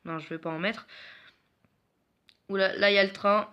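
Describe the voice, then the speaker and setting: A man's voice: high voice, steady tone, normal speed, clean tone, lo-fi sound. A man presenting mobile games in casual gameplay commentary, hesitant and full of filler sounds, with self-mocking jokes. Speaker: mobile game video host.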